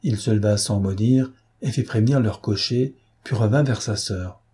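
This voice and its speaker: Husky low-voiced male narrator. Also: moderate pace, mellow. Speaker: audiobook narrator. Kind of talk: scripted narration of a novel.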